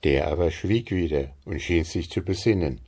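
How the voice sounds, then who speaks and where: A man narrating a fairy tale in a measured, expressive storytelling manner. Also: low voice, husky. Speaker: audiobook narrator.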